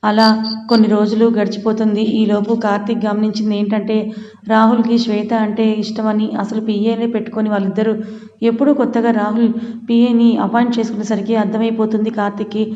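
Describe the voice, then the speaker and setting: A woman narrates a romance serial in an even, conversational storytelling manner. Her tone is flat and mellow. The recording sounds dull and echoey, with a long reverb tail. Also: medium pitch, brisk.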